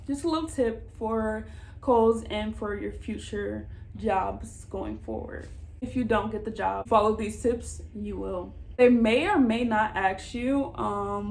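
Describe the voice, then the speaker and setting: Chatting casually to camera, a young woman from the Southern United States offers reassuring, informal job advice as a vlogger. Her mid-range voice has a darkish tone, with a little hiss or hum in the recording.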